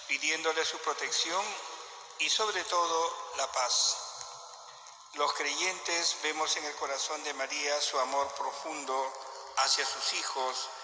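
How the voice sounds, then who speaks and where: Man, priest, measured solemn reading, cathedral echo, long reverb, faint hiss. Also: fairly high pitch, sharp tone. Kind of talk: reading the Gospel and preaching at Mass. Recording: echoey reverberant hall, faint noise.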